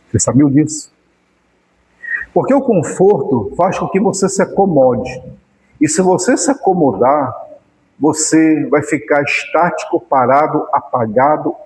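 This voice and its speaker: A man's voice: on the high side, a little mellow. A man teaching a Bible commentary, explaining the text and asking rhetorical questions he then answers himself. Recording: long hall reverb.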